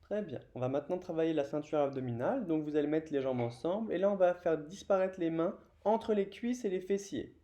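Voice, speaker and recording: A man with a French accent guiding a beginner yoga class, calmly cueing each breath and movement. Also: on the high side, brisk, few pauses. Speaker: yoga teacher. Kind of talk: guided yoga class instruction.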